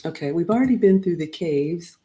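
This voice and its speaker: Her voice sits on the low side, brisk and warm with lively intonation. She's a middle-aged vlog host from Ghana, greeting viewers by name during a casual livestream about a trip she took.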